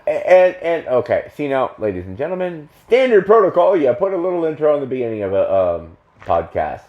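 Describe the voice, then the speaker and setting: A man's voice: fairly high pitch, sing-song, fairly quick, highs cut off. A man co-hosting a casual podcast, rambling and restarting his sentences. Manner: rambling, self-interrupting. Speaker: podcast co-host.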